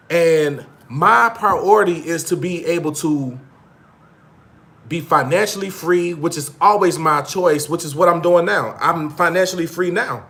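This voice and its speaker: A man's voice: fairly high pitch, fairly bright tone. A man in his thirties talking casually to his viewers, blunt and profane, heavy on slang and repeating points for emphasis. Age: 30s. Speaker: vlog host. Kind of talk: casual monologue to live viewers.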